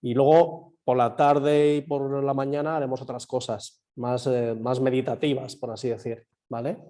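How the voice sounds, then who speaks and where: Slightly hoarse yoga teacher. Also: male voice, mid-range voice, flat delivery, moderate pace, warm tone. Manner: explains patiently, quizzes students, many fillers. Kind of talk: online class lecture. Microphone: computer mic on a video call.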